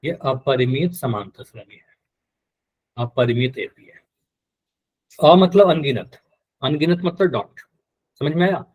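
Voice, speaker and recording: A man's voice: mid-range voice, expressive, slow pace, long pauses, husky, narrow, tinny audio. A man teaching a live online math class, patient and repetitive, often quizzing his students. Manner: patient, repeats key terms and quizzes students.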